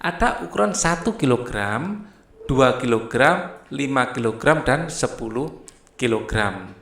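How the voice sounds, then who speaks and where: Slow gravelly male teacher. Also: mid-range voice, animated, fairly bright tone. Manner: slow and explanatory, often adding "ya". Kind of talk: explaining a school textbook lesson. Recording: echoey room.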